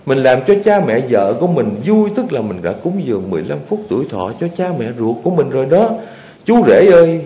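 A man, a Buddhist monk, preaching to his followers in a lively storytelling manner and often asking the audience questions. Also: medium pitch, a little fast, dull audio. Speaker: Buddhist monk giving a dharma talk. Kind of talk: sermon to lay followers. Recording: echoey hall.

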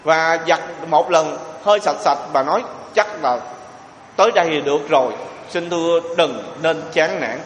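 Guy monk preaching, fairly high voice, lots of echo in a big hall, keeps asking the crowd questions. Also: moderate pace, a little hiss or hum. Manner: rhetorical questions to the audience, emphatic. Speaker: Buddhist monk. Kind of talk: sermon. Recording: echoey hall with long reverb.

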